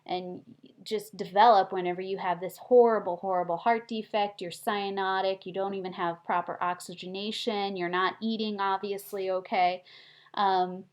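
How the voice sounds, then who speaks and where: A woman giving a recorded nursing lecture, explaining in a chatty, animated way and asking the class rhetorical questions. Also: mid-range voice, normal speed.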